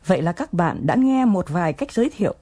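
A woman's voice: fairly low pitch, very animated, fast talker, warm tone, soft background music. A woman presenting an English lesson, explaining phrases patiently and coaxing learners to repeat them.

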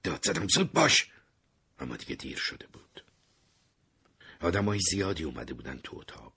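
A young man narrating a scripted story in a measured way, sometimes sinking to an unvoiced whisper. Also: very deep voice, lively intonation, a bit bright, slightly rough. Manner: measured, dropping to unvoiced whispers in tense moments.

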